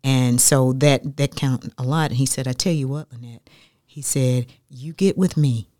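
A woman, a radio guest telling her life story in an animated, chatty way that repeats phrases for emphasis. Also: very deep voice, normal speed, no room sound, clean studio sound. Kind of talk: casual storytelling interview.

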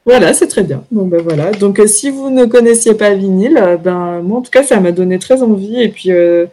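Woman co-host, casual and halting, full of fillers, mid-pitched voice. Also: mellow. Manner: hesitant, many fillers, laughs often. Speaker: podcast co-host presenting series picks. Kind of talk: casual chat.

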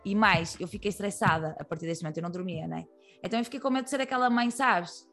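A woman with a European Portuguese accent talks rapidly as a guest in an interview, frank and loosely rambling. She sits at a middling pitch and chains her thoughts together with fillers and restarts. Faint music runs underneath. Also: a bit bright. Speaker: comedian guest. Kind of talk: candid podcast conversation.

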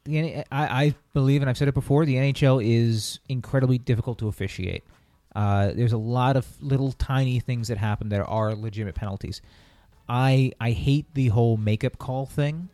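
Dude talking sports on a podcast, earnest, keeps restarting, dark voice. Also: male voice, medium pitch, fairly quick, no room sound. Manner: earnest, opinionated, many restarts. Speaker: podcast co-host. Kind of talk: casual sports chat.

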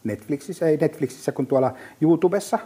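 Middle-aged guy rambling about business, lots of fillers, low warm voice. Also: breathy edge. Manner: lively storyteller with many fillers and restarts. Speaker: business guest. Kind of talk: casual podcast chat.

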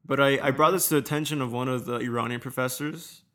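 A young man in casual chat, swearing freely and telling animated stories. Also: mid-range voice, fast talker.

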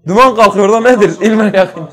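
Brief: male religious teacher, high voice, rhetorical questions to the room, swings between loud and hushed. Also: very fast. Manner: quizzes listeners with rhetorical questions. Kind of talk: religious study lesson.

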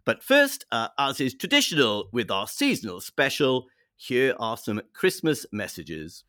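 A man's voice: medium pitch, sing-song, a little slow, sharp tone, no echo, clean studio sound. A man hosting a festive podcast in an informal, jovial manner. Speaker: podcast host.

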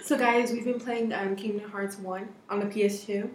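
A woman's voice: mid-range voice, fairly even intonation, moderate pace, roomy sound, faint music behind. A young woman co-hosting a casual chat, giggling often and sometimes talking while eating. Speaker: co-host.

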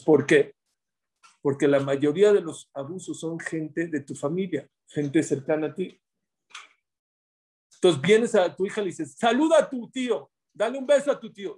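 A man giving a religious class, preaching in an animated way and acting out the quotes in his stories. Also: on the high side, breathy edge. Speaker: religious teacher.

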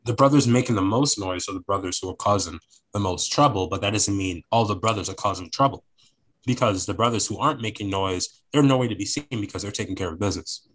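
A man's voice: lowish voice, fast talker, a bit bright, slightly rough, poor audio. A young man talking casually on a podcast, rambling and repeating phrases as he searches for words.

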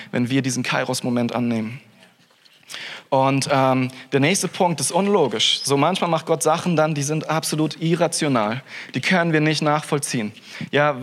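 A man preaching a casual, chatty sermon, full of restarts and quick laughs. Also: a little high, a bit bright. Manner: informal, chatty, frequent "hey" and restarts, laughs often. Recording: reverberant hall.

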